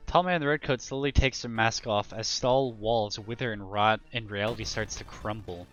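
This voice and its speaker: A man streaming a game, casually reading its text aloud and thinking out loud, with relaxed, profane asides. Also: lowish voice, normal speed, muffled recording, faint music behind.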